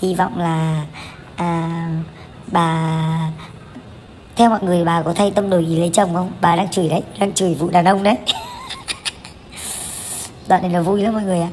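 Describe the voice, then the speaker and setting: The vlogger, a woman in her thirties, narrates family footage in a candid, chatty style with lots of fillers, restarts and corrections. Her lowish, slightly mellow voice moves fairly quickly with fairly even intonation, and a little hiss or hum is audible.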